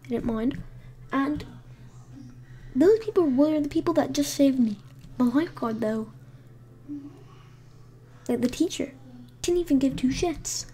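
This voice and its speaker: A woman's voice: high-pitched, lively intonation, a little slow, long pauses, mellow, slight background noise. Young woman vlogger, casual rambling storyteller, swears freely, slips into whispers at home. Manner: rambling and profane, with many fillers. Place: home room with someone asleep nearby.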